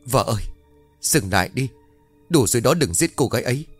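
A man's voice: mid-range voice, expressive, brisk, slightly rough, dry recording, soft background music, pitched above the performer's own voice. A man voicing a heartbroken middle-aged husband, pleading in a choked, tearful voice.

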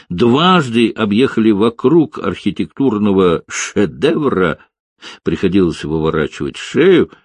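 A man's voice: lowish voice, a little mellow, dry recording, studio quality. A man reading a wry, mocking caller. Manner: mocking, dryly ironic. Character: ironic man recounting a trip by phone. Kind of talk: audiobook character reading.

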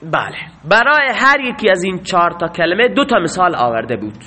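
A man's voice: sits high, big pitch swings, bright, forceful tone. A man teaching a grammar lesson, asking questions and answering them himself.

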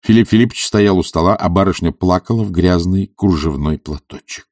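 A man narrating an audiobook in an expressive, dramatic manner. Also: deep voice, fairly quick, no echo, studio quality.

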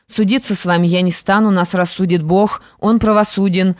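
A woman's voice: mid-range voice, fairly even intonation, normal speed, no echo, clean studio sound, natural voice. A woman voicing a defiant young stepdaughter in an audiobook, firm and reproachful. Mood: indignant. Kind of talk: audiobook character reading.

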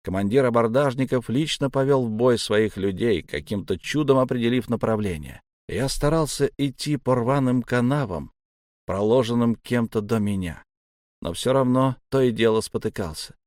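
A man giving a measured, tense first-person audiobook narration. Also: mid-range voice, darkish tone, no room sound, studio quality.

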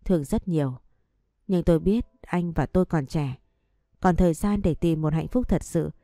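A woman reads a first-person story aloud in a low, mellow voice. Her telling is sorrowful and heartfelt. The recording is dry and close, with faint music playing underneath. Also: dry recording. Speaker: story narrator.

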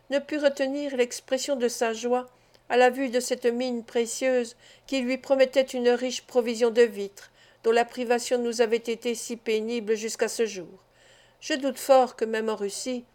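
A woman narrating a classic adventure novel as an audiobook reader, measured and even. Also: fairly high pitch. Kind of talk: scripted narration.

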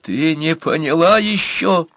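A greasy little man, fat and repulsive, begging on his knees in a cooing, bleating half-whisper, as a male narrator puts him on. The voice sits up high and drags the words out slowly. The audiobook sound is dry and close. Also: animated, gravelly, a bit bright, no room sound, heavily acted. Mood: desperate. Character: short fat repulsive uncle pleading for love.

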